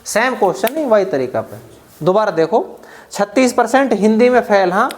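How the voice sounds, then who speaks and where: A high-pitched man teaches math for an exam-prep class. He walks through the sums out loud, one step at a time, repeating himself. He keeps stopping to ask whether his students have followed. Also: lively intonation, moderate pace. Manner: repetitive, checks understanding often; counts out calculations aloud step by step.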